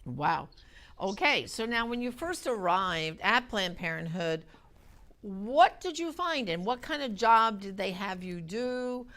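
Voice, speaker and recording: A woman's voice: mid-range voice, expressive, takes it slowly, a bit bright. An American woman hosting a program, introducing and questioning in a conversational interview style.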